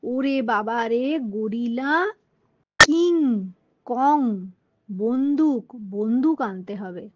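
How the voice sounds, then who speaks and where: A woman voicing a panicky uncle in a read-aloud storybook, crying out in slow, alarmed bursts. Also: sits high, fairly even intonation, muffled recording, heavy background noise. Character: panicky uncle shouting about a gorilla.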